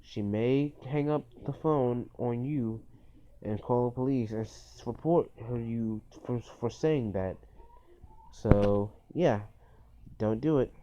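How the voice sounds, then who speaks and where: A man earnestly giving advice, repeating his warnings with halting restarts. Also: mid-range voice, mellow, a little hiss or hum. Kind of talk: casual advice talk to camera. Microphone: phone screen recorder. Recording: dull lo-fi phone recording.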